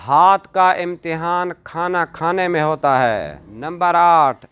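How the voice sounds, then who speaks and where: A man narrating a script of motivational sayings in a measured, declarative way. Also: fairly high pitch, fairly bright tone, smooth. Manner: measured, declarative delivery of short maxims.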